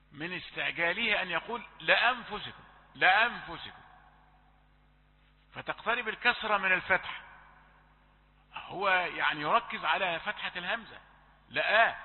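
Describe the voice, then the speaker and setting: A man teaching Quran recitation rules, slowly drawing out letters and correcting mistakes. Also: high voice. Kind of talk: tajweed lesson with recited examples. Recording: tinny phone-like audio with long reverb.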